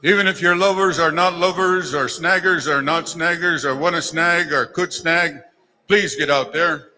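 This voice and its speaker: A man's voice: a little high, fairly even intonation, normal speed, pushed and bright, faint music behind. A man working as a powwow emcee, announcing to and rallying dancers in an encouraging, folksy, joking way over a gymnasium PA. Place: large indoor gymnasium. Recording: PA in echoey gymnasium, long reverb.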